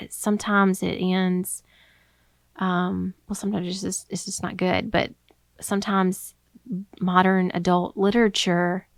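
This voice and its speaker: A young woman talks through a casual solo podcast, her voice sitting a little low for a woman. She sounds slightly out of breath and rambles, filling pauses with ums and restarting her sentences. The recording is dry and close. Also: creaky, no echo. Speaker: podcast host.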